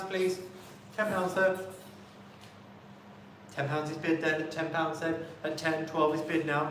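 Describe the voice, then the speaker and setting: A man's voice: fairly high pitch, a bit bright. A man working as an auctioneer in a live sale, politely calling lots and repeating bids in a rhythmic chant. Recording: very echoey room, distant mic, faint noise.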